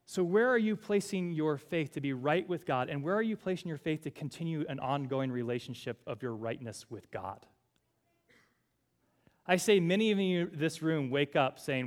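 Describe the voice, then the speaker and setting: A mid-range male voice belongs to a pastor delivering a sermon to a congregation in a church room, his earnest message building as he repeats phrases.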